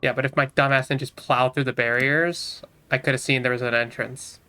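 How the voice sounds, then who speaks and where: A man's voice: medium pitch, little pitch movement, brisk, sharp tone, clean tone. A man giving casual let's-play commentary, muttering and mocking himself to viewers as he plays at a desk mic. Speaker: gamer streaming a playthrough.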